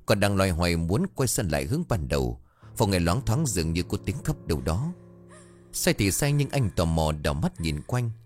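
Male narrator for horror tales, low register, scripted storytelling over background music. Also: very animated, normal speed, a little mellow. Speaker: narrator of ghost stories. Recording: music under the voice.

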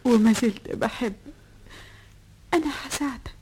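Brief: remorseful princess, Egyptian accent, dark husky voice. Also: female voice, fairly high pitch, moderate pace. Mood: confessing. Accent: Egyptian Arabic. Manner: earnest, remorseful. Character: lovesick princess confessing her deception.

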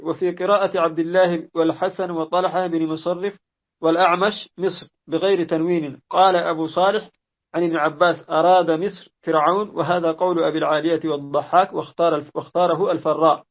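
Male reader, fairly high voice, measured text reading, muffled lo-fi recording. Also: steady tone. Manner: measured, restarts on slips. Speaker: reader of a classical exegesis text. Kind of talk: reading a classical text aloud. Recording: dull lo-fi audio.

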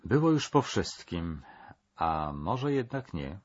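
Deep husky male documentary narrator. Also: big pitch swings, highs cut off. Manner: measured, dramatic storytelling.

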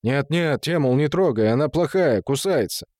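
A man's voice: medium pitch, expressive, moderate pace, a little mellow, no room sound, clean studio sound, natural voice. A man reading an audiobook, voicing an irate middle-aged husband who scolds and blusters. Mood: coaxing. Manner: scolding, indignant. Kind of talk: audiobook character voice.

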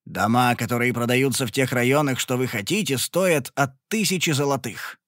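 A man voicing a practical male traveling companion in a storybook reading, speaking in a measured, matter-of-fact way. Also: medium pitch, fairly bright tone, no echo, clean studio sound, lightly acted.

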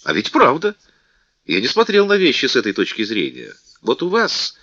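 A man's voice: mid-range voice, huge pitch swings, moderate pace, sharp tone, dry recording, highs cut off, pitched above the performer's own voice. A man reading the part of a bold, jovial middle-aged musketeer captain who speaks in a hearty, persuasive way. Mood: teasing.

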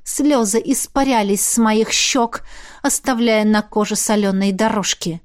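A woman's voice: medium pitch, fairly even intonation, a little slow. Woman narrating a fantasy audiobook. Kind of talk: scripted narration of a fantasy novel.

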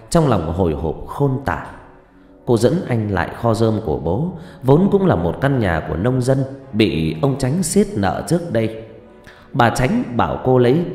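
A man narrating a story in an expressive, measured storytelling manner. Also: fairly low pitch. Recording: reverberant room with faint background music.

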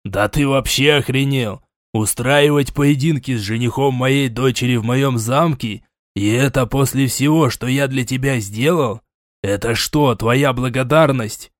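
A man's voice: medium pitch, measured pace, no echo, studio quality, natural voice. A man voicing a stern older prince who scolds, sighs and turns suspicious. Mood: scolding. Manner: scolding, sighing, sarcastic.

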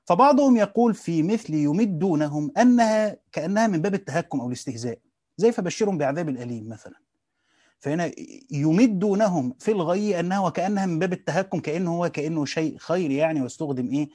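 An Egyptian man teaches a relaxed study lesson at a brisk clip, his voice mellow and a little high. He poses questions and answers them himself, sliding between colloquial and classical speech. The sound is dry and close. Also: dry recording. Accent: Egyptian Arabic. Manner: mixes dialect with classical Arabic, rephrasing as he goes. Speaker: teacher reading and explaining a classical Quran commentary.

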